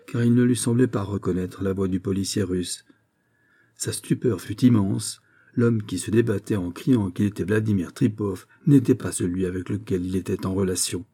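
Husky, dark-voiced male narrator. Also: on the low side. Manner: steady, measured storytelling. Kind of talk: audiobook narration.

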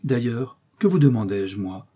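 A man's voice: medium pitch, expressive, a little slow, mellow, slightly rough. A man voicing a vain, boastful musketeer who speaks in a pompous, self-important manner, in a storybook reading.

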